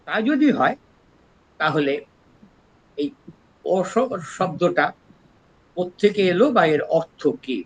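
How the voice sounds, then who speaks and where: An older man from East Bengal with an East Bengali accent, a retired professor giving a scholarly lecture and explaining word origins slowly, step by step. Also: sits high, poor audio. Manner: explains slowly and step by step, lively rises and drops in voice.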